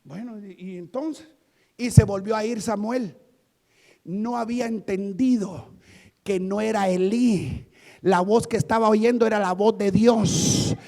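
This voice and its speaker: High gravelly preaching man. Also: fairly even intonation, a little slow. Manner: swings from quiet asides to shouted climaxes. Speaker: pastor. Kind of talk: fiery evangelical sermon.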